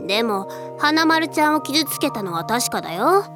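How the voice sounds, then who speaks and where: A woman's voice: high-pitched, sing-song, normal speed, music in the background. A woman voicing an easygoing, friendly teenage girl with casual, wry remarks.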